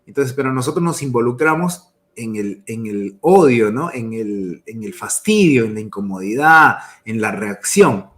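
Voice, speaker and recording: A man's voice: mid-range voice, expressive, a little slow, few pauses, a bit bright. A man giving a motivational talk on emotions in business, telling stories and tagging his phrases with a questioning "¿no?". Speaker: network marketing speaker.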